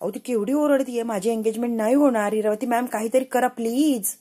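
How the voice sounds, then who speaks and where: A flustered young woman who babbles and pleads in a panic, as a woman acts her out. Her voice is mellow rather than bright. It is part of a spoken serial recap. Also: on the high side, brisk, lightly acted. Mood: panicky.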